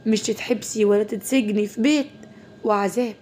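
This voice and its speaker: A woman voicing a calm, firm young man with an Egyptian Arabic accent. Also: mid-range voice, fairly quick, slight background noise, lightly acted. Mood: gentle.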